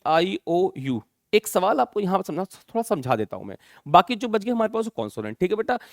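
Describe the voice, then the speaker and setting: A male teacher with an Indian accent lectures his class in a high, lively voice that swings widely in pitch. He keeps checking that his students follow him and slows right down to spell out definitions word by word. The sound is dry and close, with no room echo. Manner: addresses students as children, asks constant check questions; slowly dictates English definitions word by word. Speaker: English teacher.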